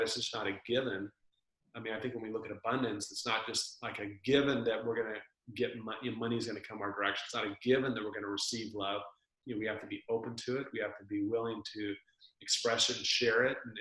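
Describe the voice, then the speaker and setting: A man's voice: fairly low pitch, bright, forceful tone. A man co-hosting a podcast, talking reflectively in casual conversation, often restarting his words as he gathers his thoughts. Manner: reflective, searching, repeats words as he thinks. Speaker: podcast co-host. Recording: roomy echo.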